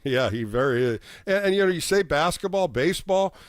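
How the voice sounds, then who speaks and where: A man's voice: a little high, animated, brisk, dry recording, clean studio sound. A man hosting a live sports call-in show, talking casually and addressing callers by name. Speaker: sports radio call-in host.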